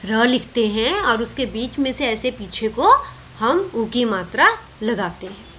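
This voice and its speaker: A woman teaching a Hindi lesson to young children, drilling syllables clearly and often checking with the class. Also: a little high, animated, unhurried. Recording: dull lo-fi recording with faint hiss.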